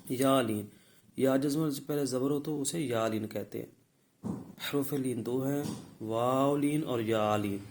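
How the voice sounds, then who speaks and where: A man teaching the rules of Quran recitation step by step, often checking in with his listeners and then sounding out the words louder as examples. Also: medium pitch, vocal fry, slight background noise, rough recording. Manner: repeats "theek hai" to check in. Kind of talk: tajweed lesson.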